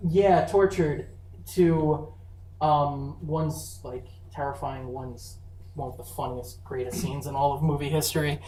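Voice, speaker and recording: A convention panel presenter giving a casual, chatty talk on film, full of fillers and quick laughs. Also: mid-range voice, steady tone, mellow. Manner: enthusiastic, chatty, laughs often, many fillers. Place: university convention room. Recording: echoey room, far mic, faint hum.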